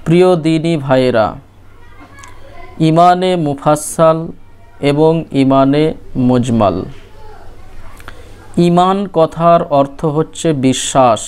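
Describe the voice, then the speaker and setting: Slow, clear-voiced male recitation teacher. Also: on the high side, darkish tone. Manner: spells out letters and vowels, then chants words slowly and drawn out.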